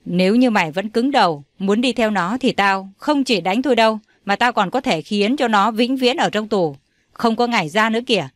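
A woman's voice: mid-range voice, expressive, normal speed, dry recording, natural voice. A harsh old patriarch who barks orders at his family, as a woman reads him. He sounds commanding and domineering, in the dry, close sound of an audio storybook. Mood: furious. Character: furious old male patriarch, domineering father.

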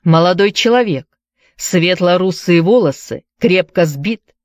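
A woman's voice: fairly low pitch, expressive, a little slow, dry recording. A woman reading as a curt young tavern keeper.

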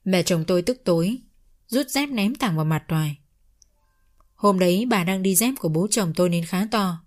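A woman's voice: fairly low pitch, normal speed, darkish tone. A woman telling a family drama story in the first person as scripted narration.

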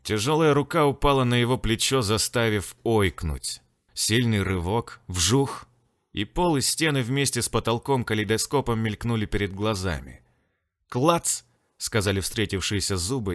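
A man reading an audiobook, expressive, acting out the dialogue. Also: fairly low pitch. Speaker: narrator. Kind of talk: audiobook narration.

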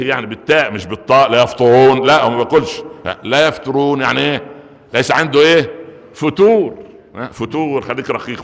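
Egyptian guy giving a friday sermon, talks fast, lots of questions to the crowd, booming reverb hall. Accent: Egyptian Arabic. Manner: lively, joking, full of rhetorical questions. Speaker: preacher. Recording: long reverb of a large hall.

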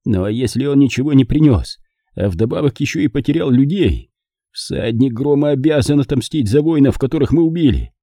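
A man's voice: medium pitch, lively intonation, mellow, dry recording, clean studio sound, pitched above the performer's own voice. A man playing a dying frontier uncle, grim. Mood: weak. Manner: weak, halting, grim. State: dying, coughing. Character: dying older frontiersman uncle, gruff and stoic.

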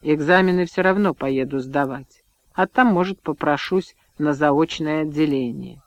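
A man voicing a calm, bookish young village husband who talks softly and without haste, in a dull, dry audiobook recording. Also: on the high side, no room sound, close to an everyday voice. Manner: soft-spoken, unhurried.

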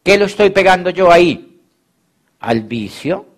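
Lively, teasing man acting out stories. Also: sits high, a little slow. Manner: animated storytelling, acting out both sides of dialogues; teasing, playful. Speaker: network marketing speaker. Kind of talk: motivational talk to an audience.

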